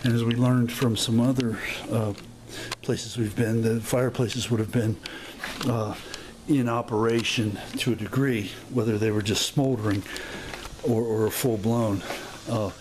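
A man narrating an unscripted walking tour of an old house outdoors, halting with fillers and self-corrections. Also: mid-range voice, fairly even intonation, noisy background. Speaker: video host touring a historic site. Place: outdoors at a historic house, open grounds.

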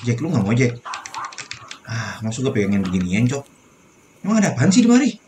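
Young male streamer from Indonesia, chatty and profane, steady mid-pitch voice, faint typing noise. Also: brisk. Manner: chatty, swears often, addresses viewers. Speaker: gaming streamer. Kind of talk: casual let's-play commentary.

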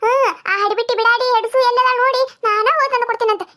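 A woman doing a shrill nagging village mother-in-law. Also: fairly even intonation, fast, pushed and bright. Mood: grumbling. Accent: North Karnataka. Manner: grumbling, nagging, talking to herself. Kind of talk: cartoon comedy voice-over.

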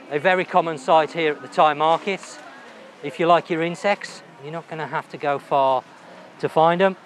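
A man hosting a walking tour of a night market, chatting enthusiastically and thinking aloud about the food he sees. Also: a little high. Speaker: travel vlogger host. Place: busy outdoor night market. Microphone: handheld camera while walking. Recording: loud outdoor market noise.

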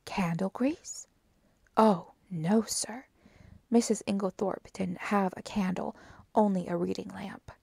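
A woman's voice: medium pitch, steady tone, a little slow, creaky, warm tone, slightly rough, no room sound, heavily acted. A woman voicing a nervous, deferential young housemaid who gives polite, hesitant answers in a storybook reading. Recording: dry close audiobook recording.

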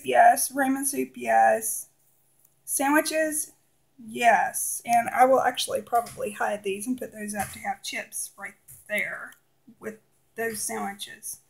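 A woman in her forties talks casually to her phone camera at her kitchen table as she goes through her groceries. Her voice sits a little high and has a gravelly edge, and her chatty, homey delivery is full of little fillers. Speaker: homeschooling mother vlogger. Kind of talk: casual grocery haul vlog. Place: kitchen table at home, indoors.

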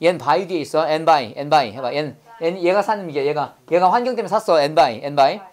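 A woman's voice: sits low, a little fast, darkish tone. A woman teaching English vocabulary in class, drilling students with call-and-repeat prompts and playful memory tricks.

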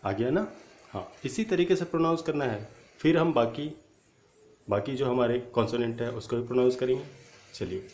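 A male spoken English teacher, drilling letter sounds aloud and urging viewers to repeat them loudly. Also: mid-range voice, moderate pace. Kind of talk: online English pronunciation lesson. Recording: echoey room with faint ambient noise.

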